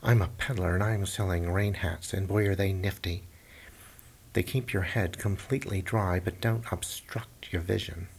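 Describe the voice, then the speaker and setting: A man voicing a wicked, vain stepmother queen who talks in a low, menacing, hissing way. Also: fairly even intonation, normal speed, gravelly. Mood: sly.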